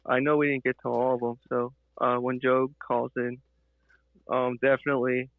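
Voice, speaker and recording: A man's voice: medium pitch, level tone, moderate pace, no room sound. A man speaking casually in a call-in discussion over a phone-like connection.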